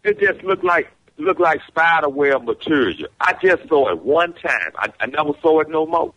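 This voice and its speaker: A man's voice: on the high side, very animated, normal speed, pushed and bright. Man on a breaking-up phone call. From Richmond, Virginia. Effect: breaking-up, glitchy phone-call audio. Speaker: caller.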